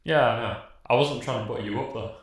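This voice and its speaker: A man's voice: mid-range voice, fairly quick, distant mic. A man co-hosting a podcast who teases his friend with dry banter. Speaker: podcast co-host. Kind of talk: casual chat. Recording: very echoey room.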